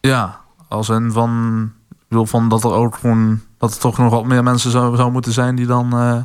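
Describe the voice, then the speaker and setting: A man's voice: medium pitch, monotone, normal speed, clean tone. A young adult man hosting a casual interview, rambling and hesitant. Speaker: podcast host.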